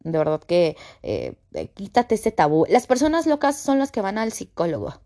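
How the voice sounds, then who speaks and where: A young Mexican woman hosting a podcast, talking casually and acting out quoted voices with big jumps in pitch. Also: big pitch swings, moderate pace, mellow. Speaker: podcast host. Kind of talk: casual monologue.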